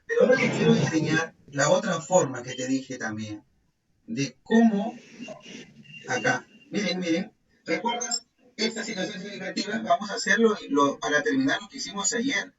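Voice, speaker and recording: A man's voice: fairly high pitch, sing-song, normal speed, a bit bright. Guy teaching teachers, keeps asking "right?", sounds far off and echoey, a bit dull, faint music behind. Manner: explains step by step, frequent tag questions, reads criteria aloud. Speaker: teacher leading a workshop. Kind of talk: live online workshop instruction.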